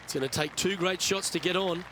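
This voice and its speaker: A man's voice: high voice, brisk, a bit bright, a little hiss or hum. A man playing a golf broadcast lead commentator in a video game, reacting to shots in short phrases. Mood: engaged.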